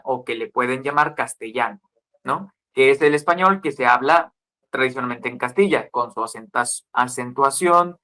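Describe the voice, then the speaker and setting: A man's voice: fairly high pitch, pushed and bright. A man in his twenties with a Guadalajara Mexican accent, a podcast guest explaining at length in casual chat, listing examples and tagging questions onto his sentences. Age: 20s. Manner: lecturing, lists examples, frequent tag questions.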